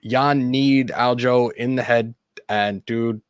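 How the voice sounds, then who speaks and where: Podcast co-host, man, mid pitch, animated ranting, close dry mic. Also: slow, smooth, dry recording. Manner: animated, ranting, laughs easily. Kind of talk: casual sports chat.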